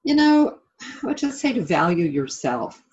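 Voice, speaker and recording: On a casual interview call with dull, lo-fi sound, a middle-aged author and life coach talks informally and thoughtfully as the guest. Her voice is on the low side and darkish in tone, sing-song, at a moderate pace.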